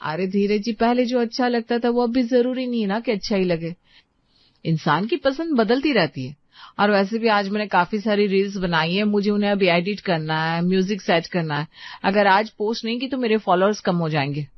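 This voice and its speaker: A woman's voice: mid-range voice, normal speed, no echo, lightly acted. A woman voicing a sweet but distracted young wife in a cartoon, chatty and pleading. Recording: dry, slightly dull lo-fi sound.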